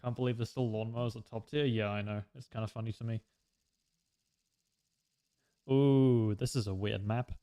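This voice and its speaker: A man's voice: on the low side, steady tone, brisk, dark tone, clear, resonant tone. A young man streaming a flight game, chatting casually and explaining tactics with lots of fillers. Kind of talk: casual gameplay commentary.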